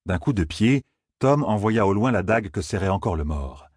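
A man reading a fantasy novel aloud as an audiobook narrator, with expressive storytelling. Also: on the low side, normal speed, breathy edge, no echo, clean studio sound. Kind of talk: scripted narration.

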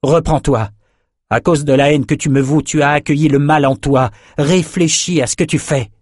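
A man's voice: mid-range voice, moderate pace, darkish tone, breathy edge, no room sound, studio quality, lightly acted. A man voicing an earnest young swordsman hero who pleads urgently, in an audiobook reading. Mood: pleading.

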